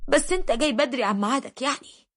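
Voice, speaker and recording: A woman's voice: high voice, very fast, pitched above the performer's own voice. A woman voicing a frightened young wife who pleads desperately. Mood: pleading.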